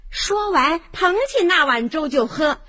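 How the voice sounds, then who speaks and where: A woman narrating a children's story in an expressive, animated way. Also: high voice. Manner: expressive and animated, slow-paced.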